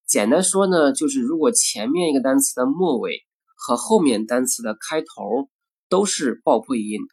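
A man teaching pronunciation in a recorded lesson, speaking deliberately and repeating example words slowly and carefully. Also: mid-range voice, lively intonation, darkish tone, husky.

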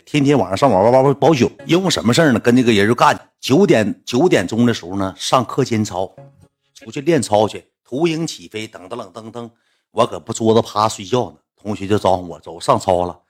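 A young man with a Northeastern Chinese accent, casually telling a story about his school days, getting animated and climbing high in pitch when worked up.

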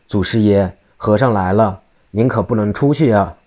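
Young female demon spirits beg their master for rescue, voiced by a male storyteller. The voice stays low and dark while it pleads. They are small demons from a traditional tale. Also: normal speed, lo-fi sound, close to an everyday voice. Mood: pleading. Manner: pleading, begging.

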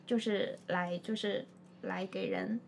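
A woman's voice: medium pitch, fairly even intonation, slow, gravelly, a little hiss or hum. A woman hosting a podcast in casual chat, playfully prompting her partner along. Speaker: podcast host. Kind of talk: casual chat, introducing the show.

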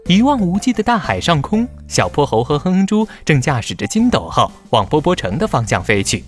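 A man narrating a scripted children's story in a dramatic, expressive way. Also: a little high, a little fast, faint music behind.

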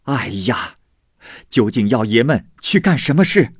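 A man's voice: low-pitched, unhurried, husky, dry recording, studio quality, full character voice. A man reading aloud voices a stern, impatient noble matriarch who scolds sharply.

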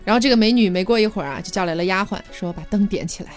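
A woman casually retelling a story, chatty and quick to laugh, with faint music behind. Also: mid-range voice. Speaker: storyteller host.

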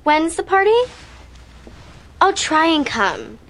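A woman's voice: sits high, sing-song, takes it slowly, fairly bright tone, full character voice. An actress playing a teenage girl who is flustered on a phone call and trying to sound casual, in a sitcom scene. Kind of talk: sitcom acting.

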